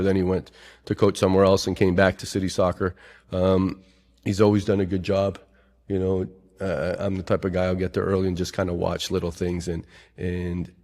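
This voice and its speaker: A middle-aged soccer coach speaks in a low, steady tone on a podcast. He rambles through tactical details and restarts his sentences often. His pitch barely moves. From Chile. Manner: rambling, detail-focused explanations with many restarts. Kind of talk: casual podcast chat.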